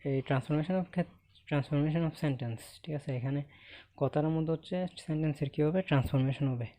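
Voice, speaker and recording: A man with a Bangladeshi accent teaches English grammar in an online lesson, his voice on the high side and mellow at a moderate pace. He poses questions to the class, answers them himself, and keeps ending points with a checking "okay?".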